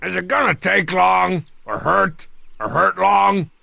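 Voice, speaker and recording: A man's voice: high voice, takes it slowly, gravelly, pushed and bright, no room sound, exaggerated voice. A man voicing a bossy, sarcastic would-be dictator in a cartoon game, pompous and mocking. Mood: impatient.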